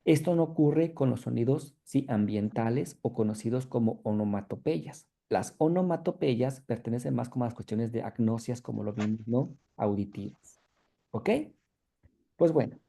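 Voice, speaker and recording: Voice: mid-range voice, moderate pace, creaky, mellow. A university lecturer, explaining clinical material to students and constantly checking in with a questioning tag after each phrase.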